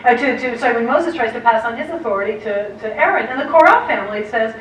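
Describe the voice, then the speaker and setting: A lively illustrated lecture for clergy comes from an American woman art historian with a fairly high-pitched voice, who peppers it with quick asides and acted-out quotes. Heard from far off in a large, dim auditorium with a projector screen, she speaks at a lectern distant from the camera; the room mic picks up echo and faint hiss.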